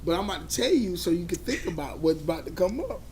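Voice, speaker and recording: A man co-hosting a live talk show, loud and laughing, saying he is drunk. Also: sits high, very animated, fast, a crowd in the background. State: tipsy. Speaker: podcast co-host. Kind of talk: casual live-show banter.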